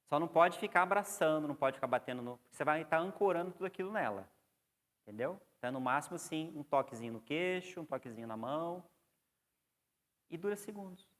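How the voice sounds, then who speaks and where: A man's voice: on the high side, lively intonation, quick pace, a bit bright. A man with a Brazilian Portuguese accent giving a classroom lecture on psychoanalysis, explaining and putting questions to the class. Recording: long hall reverb.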